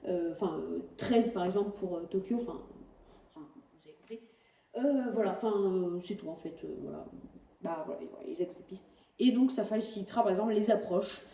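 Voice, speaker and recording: A gaming channel host talks over game footage in a casual, hesitant way, full of fillers and frequent self-corrections. Her mid-range voice is very dark and mellow, with vocal fry, and she sounds distant from the mic in a roomy space with a faint hum.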